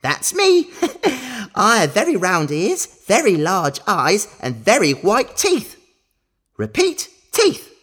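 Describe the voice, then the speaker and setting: A woman's voice: medium pitch, wildly swooping pitch, slow pace, a bit bright, husky, full character voice. A woman voicing a boastful, gleeful magical tooth-collecting mouse for a children's story, exclaiming and giggling like an overbright party host. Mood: excited, playful. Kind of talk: children's storytelling for a listening exercise.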